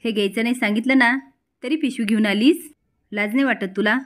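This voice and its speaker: A woman's voice: fairly high pitch, brisk, natural voice. A woman reading the lines of a proud, angry young woman who scolds her family. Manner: scolding, sharp retorts.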